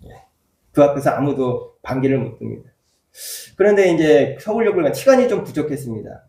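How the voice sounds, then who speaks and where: A man's voice: mid-range voice, warm tone. A man preaching as a church pastor, telling a personal story and then rising into emphatic preaching. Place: church sanctuary. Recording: echoey church hall, voice from far off.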